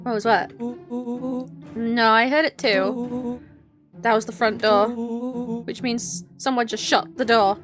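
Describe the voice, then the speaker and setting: A woman's voice: on the high side, a little slow, long pauses, faint music behind. A woman streaming a game, reading character lines and making joking, swearing asides. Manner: animated, swears, jokey asides. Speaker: streamer playing and reading dialogue.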